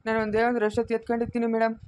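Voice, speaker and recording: A woman's voice: on the high side, completely flat delivery, very fast, a little mellow, no echo, close to an everyday voice. A woman acting a desperate estranged father who begs to hold his baby son, deferential and pleading, with a Chikkaballapur Kannada accent, in an amateur family drama. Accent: Kannada of Chikkaballapur area. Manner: pleading, deferential, keeps saying madam.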